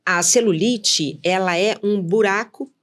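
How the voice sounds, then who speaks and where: A woman's voice: mid-range voice, unhurried. A woman, a nutritionist, explaining things patiently in an interview and checking in with her listener as she goes. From São Paulo, Brazil. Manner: didactic, lists points and checks in with "tá?". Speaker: nutritionist guest.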